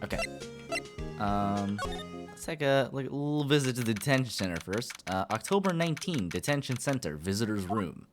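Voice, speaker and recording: A man's voice: mid-range voice, expressive, normal speed. A man streaming a game, chatting casually and rambling with lots of "like" and "um" while reading game lines. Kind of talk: casual let's-play chat, reading game lines aloud. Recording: game music under the voice. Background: game music.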